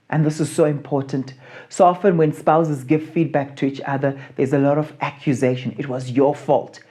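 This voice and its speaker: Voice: medium pitch, warm tone. A marriage coach giving a teaching talk about feedback, stressing key points and often checking in with the listener. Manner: emphatic, repeats key points and checks in with "okay?".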